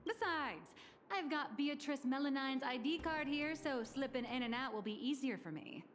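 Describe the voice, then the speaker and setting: A woman's voice: high voice, lively intonation, moderate pace, faint music behind. An actress playing a shrewd, confident businesswoman in a game, calculating and dry.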